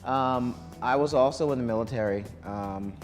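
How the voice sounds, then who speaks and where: A man's voice: mid-range voice, normal speed, soft background music. A man hosting a live student quiz show in a college broadcast studio, chatting loosely with many ums and restarts. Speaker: game show host.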